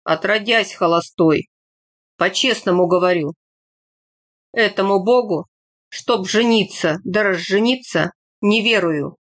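A woman reading as an earnest young village man, slow-spoken. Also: mid-range voice, close to an everyday voice. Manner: earnest, plainspoken.

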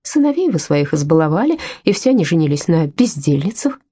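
A woman reading the lines of a calm, defiant young servant girl in an audiobook, speaking steadily and cuttingly. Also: deep voice, fairly quick, husky, full character voice. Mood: scornful.

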